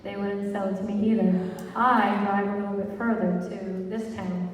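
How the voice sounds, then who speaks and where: A woman telling a lively story to an audience, laughing and acting out the voices of the people in it. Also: mid-range voice, moderate pace. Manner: animated, laughing, acts out voices. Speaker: panel speaker. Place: large hall. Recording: echoey hall from far off.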